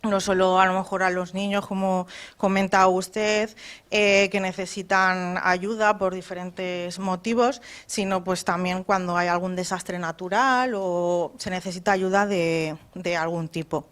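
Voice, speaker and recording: Flat-voiced woman, polite and hesitant. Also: fairly low pitch, measured pace. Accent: Spain Spanish. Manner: polite, hesitant, many fillers. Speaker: witness in practice demonstration. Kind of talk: rehearsed conversation demo.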